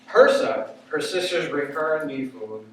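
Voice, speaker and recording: A man doing stand-up, telling a story in an animated way, swearing casually and quoting people in voices. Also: fairly high pitch, a little slow, slight background noise. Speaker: stand-up comedian. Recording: echoey room, mic from a distance.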